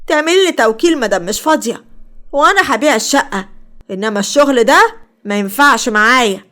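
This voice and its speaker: A woman's voice: a little high, lively intonation, quick pace, pushed and bright. A woman with an Egyptian Arabic accent voicing a greedy, two-faced middle-aged aunt who nags. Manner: nagging, fake-sweet.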